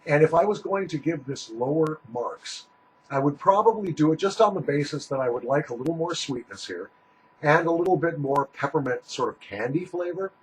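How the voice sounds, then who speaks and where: Animated man talking with a lip pouch in. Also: on the high side, normal speed, slight background noise, low-quality recording. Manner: talks with a small pouch tucked in his lip. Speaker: product reviewer. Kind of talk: casual, rambling product review.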